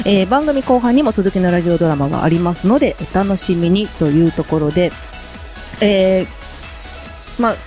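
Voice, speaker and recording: A woman's voice: lowish voice, expressive, moderate pace, dark tone, soft background music. A woman with a Kansai accent hosting a radio talk show, introducing guests and songs with cheerful banter. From Osaka, Japan. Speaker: radio host. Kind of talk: radio presenting.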